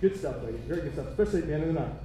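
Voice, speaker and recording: Energetic man coaching a choir. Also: fairly high pitch, very fast, a little hiss or hum. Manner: energetic, encouraging, sings demo phrases. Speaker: choir director. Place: large rehearsal room. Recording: echoey room from far off, singers behind.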